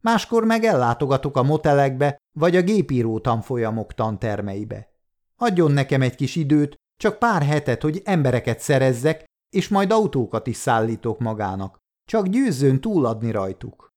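A man reading the part of a cagey small-time male thief who pitches stolen goods bluntly. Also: sing-song, darkish tone, lightly acted. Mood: pitching.

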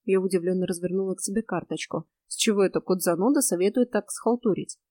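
A woman's voice: medium pitch, fast, dry recording, clean studio sound. Wry woman narrating an audiobook. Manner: lively, wry first-person telling.

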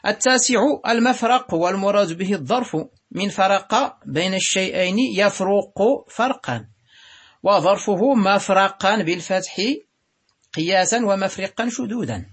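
Husky high-voiced man teaching Arabic grammar. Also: expressive, fairly bright tone. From Morocco. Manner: slow and deliberate, drawing out words, with pauses and hesitations. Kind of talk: reading and explaining a grammar text.

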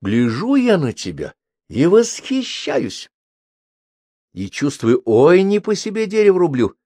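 A male audiobook reader voicing a lively, ironic young woman who is the story's heroine. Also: on the high side, unhurried, no echo, clean studio sound, pitched above the performer's own voice, exaggerated voice. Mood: teasing.

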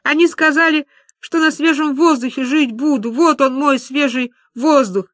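A woman voicing a distraught older woman who wails and cries out in a high, drawn-out voice. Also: big pitch swings, no echo, clean studio sound. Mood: wailing.

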